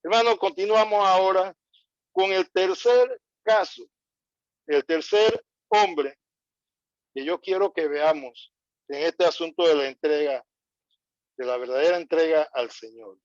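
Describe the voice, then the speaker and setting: Slow, deliberate male preacher. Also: dry recording. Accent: Latin American Spanish. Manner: slow, deliberate, reads scripture aloud and repeats key points. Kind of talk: sermon. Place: church. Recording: dull, dry low-fidelity church recording.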